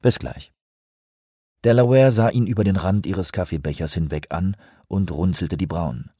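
A man narrates an audiobook in a steady, even way. His voice is very deep and husky, and the recording is dry and close. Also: normal speed, no room sound. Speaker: audiobook reader. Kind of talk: scripted narration.

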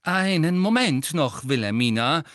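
Man voicing a stern strict teacher lady, clipped, a bit higher. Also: sing-song, moderate pace, fairly bright tone, no room sound, studio quality, heavily acted.

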